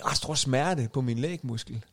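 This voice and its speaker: A man co-hosting a podcast, telling a long story in casual chat with lots of fillers and restarts. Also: mid-range voice. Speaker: podcast co-host.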